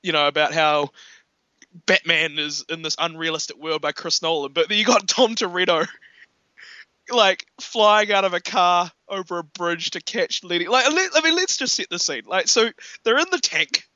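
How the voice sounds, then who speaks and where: A man in casual film chat, animated, laughing often and acting out quotes. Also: high voice, normal speed, dry recording, muffled recording.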